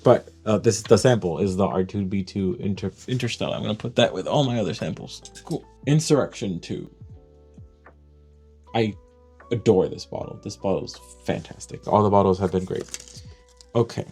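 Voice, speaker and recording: An excitable man unboxing fragrances and gushing over each one as he thinks aloud. His voice sits low and mellow, with soft music playing behind him. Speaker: fragrance reviewer.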